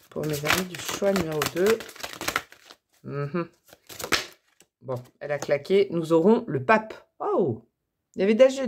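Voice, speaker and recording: A woman's voice: on the low side, a little hiss or hum. A French woman chats her way through a tarot reading for her channel's viewers. Her talk is loose and friendly, with fillers, restarts and little asides. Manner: chatty, warm, many fillers and self-corrections. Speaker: tarot reader and channel host. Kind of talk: casual tarot reading to camera.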